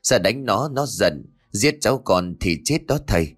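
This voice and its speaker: A man's voice: on the low side, animated, unhurried. A man voicing a desperate, tearful elderly woman's ghost who begs for help in a storybook reading. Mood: pleading. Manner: begging, tearful.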